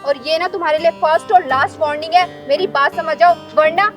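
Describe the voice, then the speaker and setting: A schoolgirl, anxious and distressed, stands up to a harasser and pleads with her father, as an actress plays her. Her voice is high, with faint music underneath. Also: steady tone, quick pace. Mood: firm.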